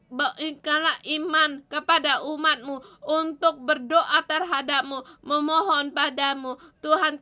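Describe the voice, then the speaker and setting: High, bright-voiced woman leading devotion. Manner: earnest, pleading prayer in short phrases. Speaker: devotion speaker. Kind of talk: morning devotion sermon and prayer.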